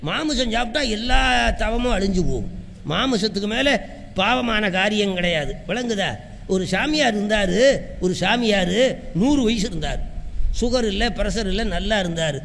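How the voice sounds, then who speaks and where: A man's voice: high-pitched, fairly bright tone, slight background noise. A man giving a devotional sermon, who keeps asking his audience whether they understand and repeats his phrases for emphasis. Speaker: devotional speaker and astrologer. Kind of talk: devotional sermon with chanted verse. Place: hall with a live audience. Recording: echoey hall with long reverb.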